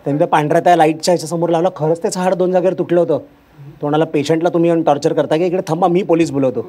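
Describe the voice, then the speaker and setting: Guy doing standup storytelling, talks real fast, acts out every character. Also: on the high side. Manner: animated, acts out characters' lines. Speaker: stand-up comedian. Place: stage before a live audience.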